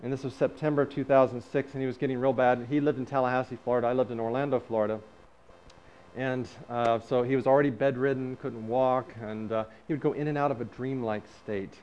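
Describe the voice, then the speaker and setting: A middle-aged man telling a personal story in a talk, lively, acting out the dialogue. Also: mid-range voice, a little fast. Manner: lively storyteller who acts out quoted dialogue. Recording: slightly dull recording with faint background noise.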